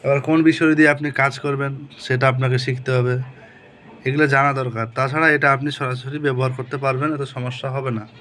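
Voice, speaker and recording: A man teaching folk mantras, explaining plainly and reciting verses in a slow, measured chant, often asking listeners if they understood. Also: mid-range voice, little pitch movement, fairly bright tone, a little hiss or hum. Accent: Bengali. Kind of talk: spoken lesson with chanted recitation.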